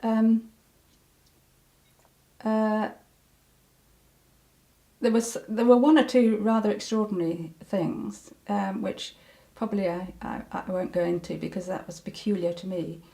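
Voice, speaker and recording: An older woman with a soft, mellow voice recalls her past in an unhurried interview. She hesitates often, restarts her sentences and fills the gaps with ums. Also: mid-range voice, fairly even intonation, creaky. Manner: hesitant, many ums and restarts, breaks into laughter. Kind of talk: reflective personal recollection.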